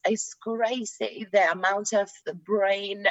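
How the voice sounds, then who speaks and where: Animated woman from Puerto Rico, dull dry sound. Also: medium pitch, takes it slowly, dry recording. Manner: animated, laughs often, acts out quoted reactions. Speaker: guest. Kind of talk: casual interview chat.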